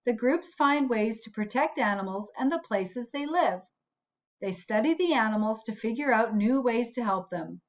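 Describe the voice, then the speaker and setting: Reading slowly to young children as a principal might at story time, a woman uses lively intonation, her fairly high voice swinging expressively with each sentence. She speaks in clear teacherly phrases, includes asides, and is captured on a slightly dull recording.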